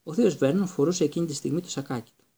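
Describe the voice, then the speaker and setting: A man narrating an audiobook in an even, storytelling manner. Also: a little high, vocal fry, breathy edge. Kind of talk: scripted narration.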